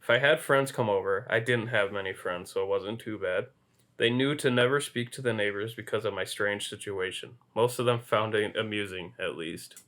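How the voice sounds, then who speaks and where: A man's voice: on the low side, a bit bright. Man, podcast co-host, reading a story aloud, amused, laughing now and then.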